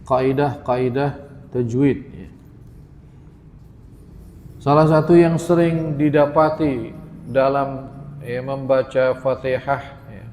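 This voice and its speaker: A man's voice: mid-range voice, darkish tone. A man, teaching a religious lesson on Quran recitation and chanting Arabic verses, often tagging his sentences with "ya". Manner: chants Arabic verses, then explains with frequent "ya". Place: prayer room. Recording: echoey prayer hall.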